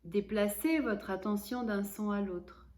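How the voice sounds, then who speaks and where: Her voice sits at a medium pitch as she leads a yoga nidra session, offering calm, measured guidance punctuated by pauses.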